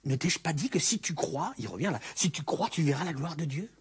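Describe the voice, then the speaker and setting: Animated, husky-voiced man preaching. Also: fairly high pitch, fairly quick. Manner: animated, acts out the story's speakers. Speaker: pastor. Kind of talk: sermon.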